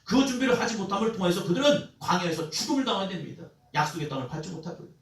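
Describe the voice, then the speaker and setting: Young male pastor, high voice, call-and-response sermon, shouted cries, echoey hall, heard from a distance. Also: very animated, rapid-fire. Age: young adult. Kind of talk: Sunday sermon. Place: church sanctuary.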